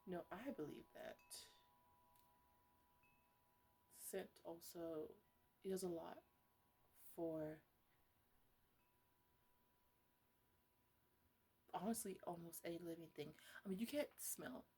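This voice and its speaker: A woman with a lowish, husky, warm voice improvises an ASMR roleplay as a talkative, easily exasperated botanist who fusses over her plants like a mother. She rambles casually and scolds playfully, sounding musing and halting.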